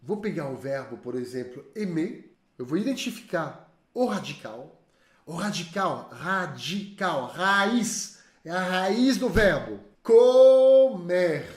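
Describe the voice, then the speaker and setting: A man teaching online, lively and drilling learners to repeat slowly after him. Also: high voice. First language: French. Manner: spells out sounds slowly and carefully. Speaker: French teacher. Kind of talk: online language lesson. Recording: echoey room.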